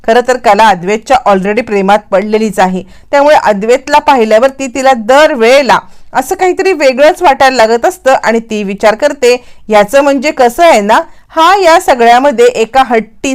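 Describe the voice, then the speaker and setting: A woman retelling a TV serial episode as a flowing, animated story, mixing in English words. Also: high-pitched. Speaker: serial recap narrator. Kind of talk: dramatic storytelling recap of a TV serial.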